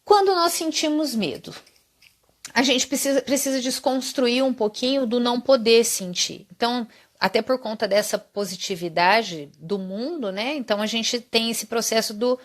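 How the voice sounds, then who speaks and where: A woman's voice: fairly high pitch, moderate pace. A woman hosting a live psychology talk, explaining patiently and often checking in with the viewers. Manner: explanatory, often adds tag question 'né'. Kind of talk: live stream talk answering viewer comments.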